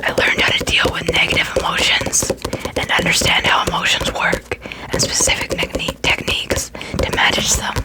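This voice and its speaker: An ASMR creator talks through books entirely in a whisper. The voice is breathy and unvoiced. Phrases are sometimes repeated for effect. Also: normal speed, rough recording.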